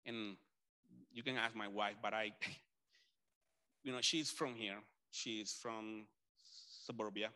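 A man from Colombia's Caribbean coast with a Colombian accent, preaching a conversational sermon with animated storytelling, restarts and asides. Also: lowish voice, takes it slowly, long pauses, smooth. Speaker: pastor.

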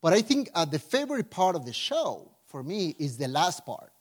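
With a slightly high voice at normal speed, this pastor, a man in his forties from Mexico, speaks with a Mexican Spanish accent. He preaches casually and prays, animated and chatty, with lots of restarts and "right?" thrown in.

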